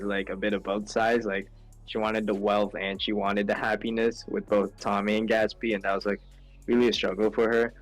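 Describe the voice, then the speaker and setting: A teenage student talking casually about a novel for a class podcast, with lots of filler words. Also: male voice, fairly low pitch. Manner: loose, with many filler "like"s.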